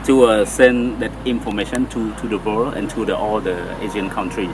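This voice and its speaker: A man speaks loudly and emphatically, pausing now and then, in a lowish voice. The recording carries clear outdoor noise with traffic around him. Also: steady tone. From Cambodia. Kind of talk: interview statement.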